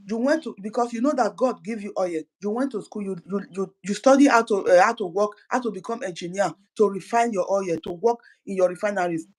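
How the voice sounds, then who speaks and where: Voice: medium pitch, a little mellow, poor audio. A speaker gives an impassioned political address as an activist, fervent and full of repeated words and restarted phrases.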